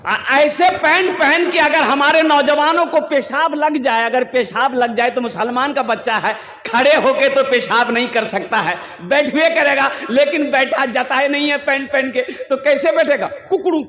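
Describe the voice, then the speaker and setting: High-voiced preacher in an echoing hall. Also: male voice, moderate pace, hardly any pauses, bright, forceful tone. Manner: storytelling with jokes, scolds the crowd. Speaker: Islamic preacher. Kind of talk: humorous sermon at a religious gathering. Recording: echoey hall with long reverb.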